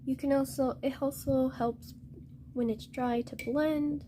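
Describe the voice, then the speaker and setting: A young woman explaining paintbrushes in a painting tutorial, hesitant and halting, often correcting herself. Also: high voice, fairly even intonation, mellow, slight background noise. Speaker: art tutor.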